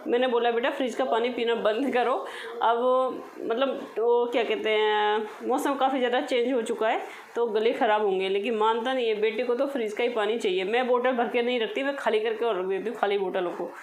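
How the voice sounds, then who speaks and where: A woman's voice: on the high side, steady tone, a little fast, a little hiss or hum, poor audio. A woman in her thirties chatting casually to viewers in a home vlog, talking to them directly. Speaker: vlogger.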